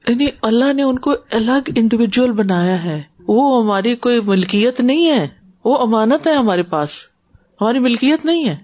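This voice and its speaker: A woman's voice: fairly high pitch, animated, darkish tone. A woman religious teacher giving a class and answering questions in an earnest, advising way, mixing in English words.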